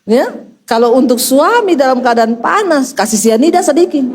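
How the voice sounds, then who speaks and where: High-pitched lady pastor, middle-aged, funny storytelling sermon. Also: moderate pace, noisy background. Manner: humorous storytelling, animated asides.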